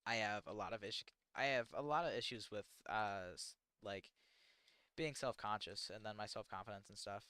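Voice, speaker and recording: Here the young American streamer speaks with a lowish, bright, forceful voice at a normal pace, clear and resonant in a dry recording. He answers chat questions casually, meandering and self-mocking with plenty of fillers.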